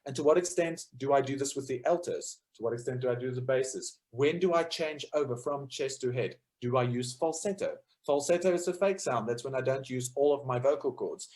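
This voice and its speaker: A man with a medium-pitched, darkish voice talks a little fast and hardly pauses. He's giving a casual lecture on choral music, complete with sung demonstrations, explaining step by step while thinking aloud through frequent fillers.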